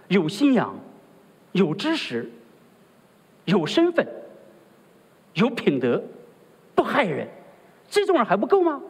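A man's voice: fairly high pitch, breathy edge, in a large hall. A man preaching a sermon as pastor, who keeps asking his listeners rhetorical questions. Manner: rhetorical, often asks the listeners "right?".

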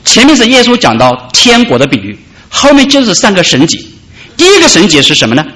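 A man preaching a sermon, calling out loudly at high points and dropping soft in between. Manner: preaching with dramatic rises and soft drops. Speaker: pastor.

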